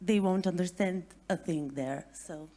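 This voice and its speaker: A woman's voice: fairly low pitch, measured pace, dark tone. A woman from Croatia asking a question from the floor at a conference, hesitant and full of fillers. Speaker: audience member asking a question.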